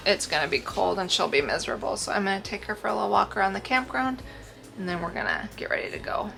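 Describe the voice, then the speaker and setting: A woman vlogger with a noticeably creaky voice at an average pitch. She chats informally to her viewers, with music clearly playing behind her. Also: pushed and bright. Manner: informal, chatty, talking to viewers. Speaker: travel vlogger living full time in an RV. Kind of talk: casual vlog chat. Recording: background music under the voice.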